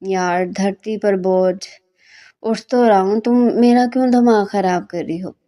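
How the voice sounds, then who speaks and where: A sleepy young male student, voiced by a woman narrator grumbles and needles in a storybook reading. His tone stays mellow and unhurried, full of lazy teasing. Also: mid-range voice, fairly even intonation, natural voice. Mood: grumbling. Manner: grumbling, mocking insults.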